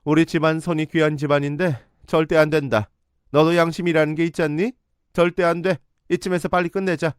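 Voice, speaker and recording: A man doing a shrill domineering mother. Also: fast, smooth, no room sound, studio quality, close to an everyday voice. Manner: imperious, scolding. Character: domineering middle-aged mother, shrill and scornful.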